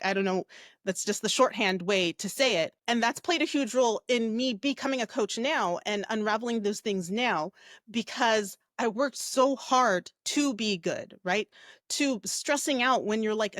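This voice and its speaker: A woman from the United States speaks as a guest coach, reflective and unhurried in her storytelling. Her speech is full of fillers and checking tag questions. The sound is close and dry with no room echo. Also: on the high side, fairly bright tone. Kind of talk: casual interview talk.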